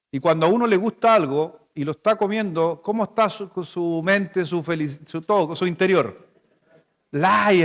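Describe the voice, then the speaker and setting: In a church hall with a big-room sound, a Chilean-accented pastor delivers a sermon in a playful, chatty style, sharing stories with the congregation. His voice is on the high side and fairly bright.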